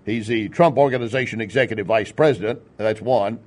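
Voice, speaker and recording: On his political talk radio show, a man from Texas, USA, chats in a folksy, conversational way, mixing in joking asides and rhetorical questions. His voice is on the low side and his pace is brisk.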